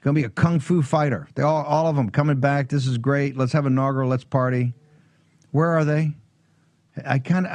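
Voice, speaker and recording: A man's voice: a little high, darkish tone, no room sound. A man hosting a political talk show, delivering a fiery, blunt monologue with sarcasm and swearing.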